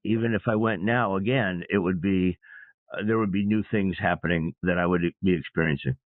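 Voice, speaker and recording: Low-voiced man telling his story over a phone line. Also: no echo. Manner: reflective, measured storytelling. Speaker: interview guest, sailor and public speaker. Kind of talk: storytelling interview answers.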